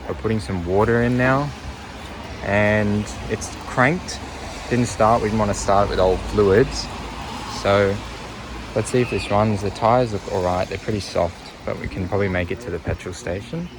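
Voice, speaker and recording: A man's voice: fairly low pitch, moderate pace, noisy background. A young Australian man hosting a vlog, chatting casually and slangily to camera and joking with his friends. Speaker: vlog host.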